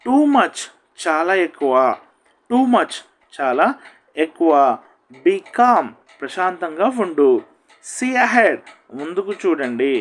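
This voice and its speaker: A man teaching spoken English, drilling short phrases at a very slow, deliberate pace. His voice is a little higher than most men's and swings widely in pitch, rising on each English phrase and falling on its meaning. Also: big pitch swings, low-quality recording. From India. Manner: says each English phrase then its meaning, repeats it slowly.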